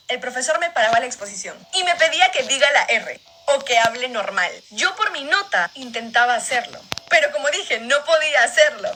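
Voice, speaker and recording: High-pitched woman racing through a storytime, dramatic retelling, noisy background. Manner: fast, expressive, dramatic retelling. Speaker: storytime narrator. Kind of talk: animated storytime narration. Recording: background noise.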